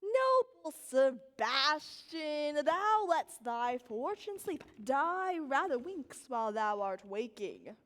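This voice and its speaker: A woman's voice: high voice, very animated, takes it slowly, few pauses, a bit bright, heavily acted. A woman playing a scheming, ambitious courtier in Shakespearean stage style, with theatrical, declamatory, hammy delivery. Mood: conspiratorial, urgent. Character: scheming, ambitious courtier urging a drowsy lord to seize a crown. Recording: echoey stage hall with long reverb.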